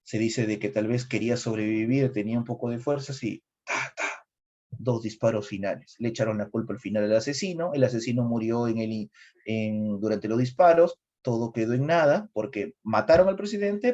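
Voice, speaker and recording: A middle-aged man with a Peruvian accent giving a lively history lecture, quizzing his students as he goes. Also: mid-range voice, a little fast. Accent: Peruvian Spanish. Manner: asks students questions, animated. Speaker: history teacher. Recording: slightly dull lo-fi recording.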